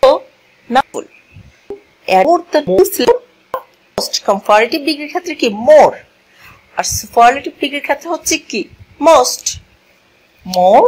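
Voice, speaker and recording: A woman's voice: high voice, sing-song, darkish tone, rough recording. A woman with a Bangladeshi accent teaching a classroom grammar lesson, explaining step by step and answering her own questions, mixing English terms into her talk. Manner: slow and deliberate, asks questions and answers them herself. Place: classroom at a board.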